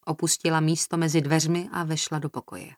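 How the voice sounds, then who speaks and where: A woman narrating a thriller audiobook in a steady, even tone. Her voice sits low, and the recording is close and dry. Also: no room sound. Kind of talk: scripted narration.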